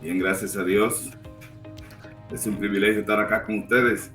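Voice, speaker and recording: Deep-voiced Cuban pastor, roomy sound. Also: male voice, fairly even intonation, normal speed, a bit bright, faint music behind. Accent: Cuban Spanish. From Cuba. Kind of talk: casual radio chat. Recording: roomy sound with faint background noise.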